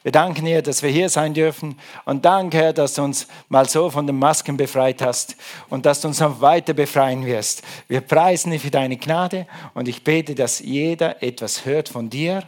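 A male pastor preaching a sermon in a lively, emphatic way, praying and then asking rhetorical questions. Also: on the high side, normal speed.

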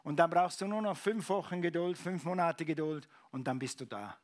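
Middle-aged pastor preaching, emphatic, repeats phrases, fairly high voice. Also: male voice, moderate pace. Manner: emphatic, repeats phrases, swings from loud to hushed. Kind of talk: sermon.

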